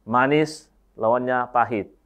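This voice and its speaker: A male teacher giving a language lesson, slowly going through word pairs and often adding "ya". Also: mid-range voice, a bit bright, clear, resonant tone. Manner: slow, repetitive word-by-word explanation with frequent "ya".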